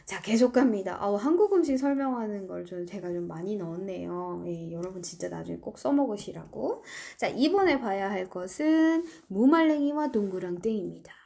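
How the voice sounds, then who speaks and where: A middle-aged female teacher leads a recorded online English lesson, walking her students through vocabulary one step at a time. Her voice swings widely in pitch and carries a gravelly edge. Its tone is warm and mellow, and she draws out her English example phrases slowly. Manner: lively, explains step by step, slow drawn-out English examples. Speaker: high school English teacher.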